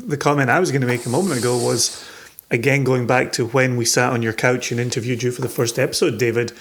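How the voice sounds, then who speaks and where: A man hosts a relaxed interview podcast and talks in a friendly, rambling way. His voice sits at an ordinary mid pitch, and he stumbles over his words before getting them out. A faint hiss runs underneath. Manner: chatty, laughs easily, many restarts. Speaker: podcast host. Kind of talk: casual interview chat.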